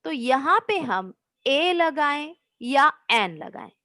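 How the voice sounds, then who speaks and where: A woman teaching children English grammar online, explaining slowly and patiently, mixing Hindi and English, with encouraging words. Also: high-pitched, big pitch swings, a bit bright, dry recording, low-quality recording.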